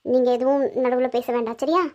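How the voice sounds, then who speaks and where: A woman voicing a gentle, subdued young woman in a cartoon who speaks in a soft, reassuring way. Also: sits high, steady tone, fast talker, lightly acted. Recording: dull lo-fi sound.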